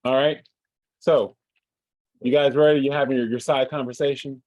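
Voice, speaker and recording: A man running a livestreamed tabletop game as game master, halting and full of fillers and restarts. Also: medium pitch, little pitch movement, darkish tone, no echo.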